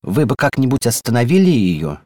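A man's voice: mid-range voice, big pitch swings, brisk, a little mellow, no room sound, pitched above the performer's own voice. A man voicing a fussy, know-it-all female door handle in a storybook reading, prim and insistent, sometimes dropping to a tragic whisper.

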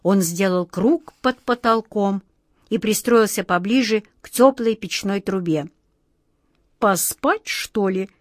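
A woman's voice: medium pitch, a little slow, dry recording, clean studio sound. Woman reading a fairy tale. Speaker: narrator. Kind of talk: storybook reading.

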